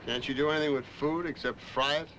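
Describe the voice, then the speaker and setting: An actor playing a blunt, commanding middle-aged date farmer in a 1960s TV drama. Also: male voice, on the high side, steady tone, quick pace, fairly bright tone, a little hiss or hum, close to an everyday voice, rough recording. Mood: coaxing. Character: gruff middle-aged male date farmer, bossy, possessive. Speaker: ranch owner.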